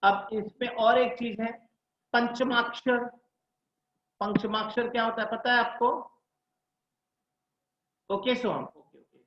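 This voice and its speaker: A man's voice: very high-pitched, fairly even intonation, slow, pauses often. A man tutoring an online class, drilling letter sounds one at a time and checking in with his students. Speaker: Hindi tutor. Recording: echoey, dull lo-fi room sound.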